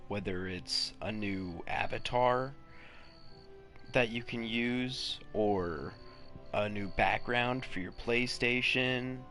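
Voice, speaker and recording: Streaming a video game from home, a young man chats casually, swearing, laughing and humming to himself over game music. His mid-range voice comes out slow, pushed and bright.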